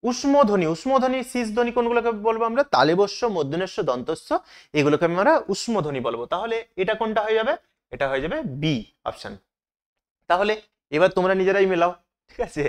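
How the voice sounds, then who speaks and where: A man's voice: high-pitched, animated, fast talker, clean tone. A man teaching an exam-prep lesson. He asks questions and then answers them himself.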